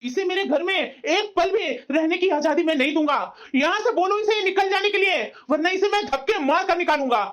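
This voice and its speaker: A woman voicing an angry young husband in a family cartoon, harsh and scornful. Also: very high-pitched. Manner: shouting accusations, scornful. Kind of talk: cartoon voice acting.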